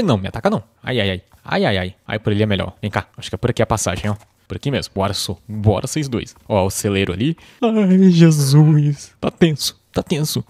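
A young man hosting live gameplay commentary, jumpy and easily startled, often crying out in alarm and chatting to the animals and to himself. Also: on the low side. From Brazil. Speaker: gaming channel host. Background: game music and sheep bleats.

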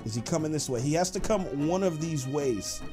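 A man doing playful let's-play game commentary as a gaming YouTuber, excitable and giggly, trash-talking the other players. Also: a little high, brisk. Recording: game music playing behind the voice.

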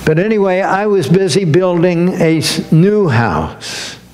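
An older man giving a sermon as guest minister, preaching slowly and emphatically with lifted, rising phrases. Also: high voice, very animated, a little mellow, slight background noise.

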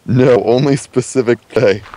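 A man's voice: medium pitch, measured pace, mellow, dry recording, low-quality recording. A man playing a game with friends, laid-back and muttering about his items. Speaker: game co-player. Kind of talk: casual gameplay chat.

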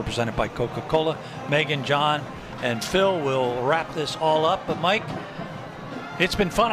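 A man announcing a college football postgame from the booth, his voice sitting a little high. He keeps an upbeat, promotional tone. Broadcast music plays clearly underneath. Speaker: play-by-play announcer. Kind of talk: sports broadcast commentary. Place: press box booth. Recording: broadcast with music bed behind.

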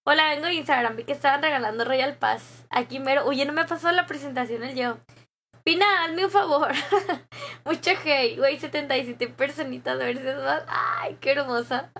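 A young woman with a Mexican accent hosts a live stream, talking casually into a desk microphone. Her voice sits high, and she chats loosely with viewers and reads their comments aloud. She laughs often as she talks. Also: a little fast, fairly bright tone, slight background noise.

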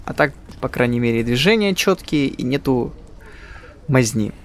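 Man giving casual game commentary, medium pitch. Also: animated, normal speed, a little hiss or hum. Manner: musing aloud, joking. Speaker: gaming channel host. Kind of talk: casual let's-play commentary.

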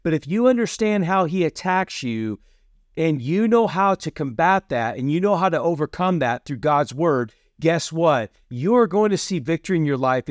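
Man preaching with a higher voice. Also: dry recording, clean studio sound. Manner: repeats "Amen?" and "So see" often. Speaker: preacher hosting a teaching series. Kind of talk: casual sermon teaching.

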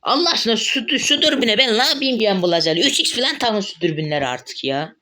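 A man giving live gameplay commentary as a mobile game streamer, excitable and swearing often when frustrated. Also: high-pitched, brisk.

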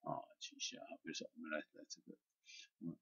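Very deep husky man. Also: wildly swooping pitch, brisk, bright, forceful tone, no echo, dull audio. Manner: loose, chatty, many "ah" and "hao" fillers. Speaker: music software instructor. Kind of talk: screen-recorded software tutorial.

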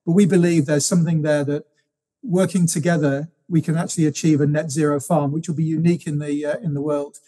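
A man answering interview questions as a company guest, explaining in a measured, businesslike way. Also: on the high side, fairly even intonation, mellow.

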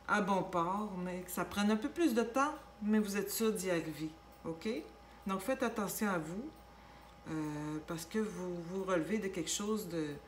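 A woman with a Québécois accent giving a casual tarot reading, gentle and reassuring, with many fillers and restarts. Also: lowish voice. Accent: Québécois French. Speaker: tarot reader. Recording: echoey room with faint background noise.

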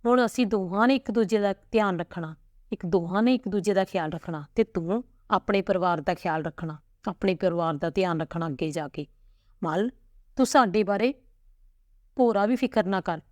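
Gentle village father, as a woman reads him. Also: mid-range voice, moderate pace, no room sound, studio quality, lightly acted. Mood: soothing. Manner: soothing, reassuring. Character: gentle village father, middle-aged man, reassuring.

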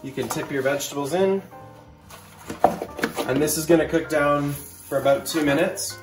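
A young male chef walks through cooking steps in an easy, casual way, filling pauses with "uh". He sounds far from the mic in an echoey kitchen, with music clearly playing behind. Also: fairly high pitch. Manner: casual, many "uh" fillers. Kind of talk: cooking instructions. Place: restaurant kitchen.

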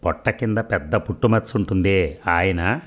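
A lonely middle-aged woman, tearful and pleading in her soft words, as a man reads her lines. The voice stays deep and low throughout, since the storyteller barely shifts away from his own tone. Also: moderate pace. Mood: wistful.

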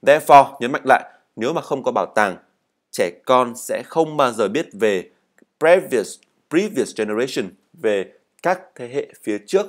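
A man's voice: medium pitch, lively intonation, moderate pace. A man teaching an English speaking lesson, explaining in Vietnamese, reading model answers and having students repeat words after him. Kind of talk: spoken language lesson.

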